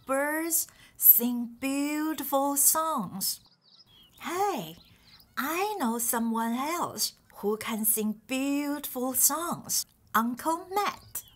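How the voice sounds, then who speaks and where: A woman voicing a friendly, curious young male beaver puppet in a children's show, chatting gently and straight to the viewer. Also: sits high, breathy edge, exaggerated voice.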